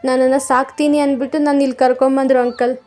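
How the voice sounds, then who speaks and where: A frightened orphan boy, put on by a woman narrator in an animated story, pleading in a high voice. His lines run quick and tearful. Soft music sits faintly under the voice. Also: natural voice.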